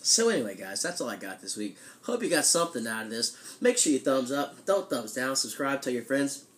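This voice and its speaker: A man's voice: mid-range voice, sing-song, brisk, fairly bright tone. Stuffy-nosed man vlogging with a head cold. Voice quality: stuffy, blocked-nose sound. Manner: conversational, loose, frequent "you know". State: congested head cold and allergies, sounds like tissue up one nostril. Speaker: weekly vlogger. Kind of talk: casual chat to camera.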